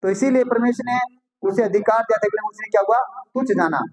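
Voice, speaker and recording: A man's voice: high-pitched, fast talker, rough recording. A male preacher delivering a sermon, reading scripture aloud and explaining it with frequent rhetorical questions.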